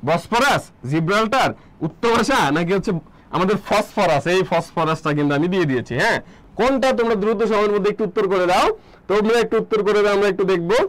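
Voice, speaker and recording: High-pitched male tutor running a live exam-prep class, question-and-answer delivery. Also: fast, poor audio. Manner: asks students questions and answers them himself; repeats key terms, reads out viewer comments. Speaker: admission coaching teacher. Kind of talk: live online geography lecture.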